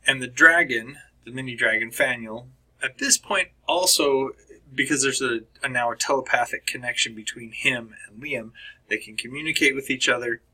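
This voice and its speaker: A man giving a casual spoken book review, halting with many pauses and restarts and often clearing his throat. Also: medium pitch, pushed and bright, rough recording.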